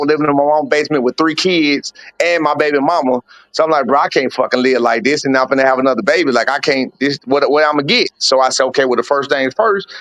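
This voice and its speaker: On a laid-back podcast, a forty-something man who coaches boxing and has a son fighting recounts his life with frank bluntness, dropping slang and curse words. His voice sits fairly high with a slight brightness, and the recording has no room sound.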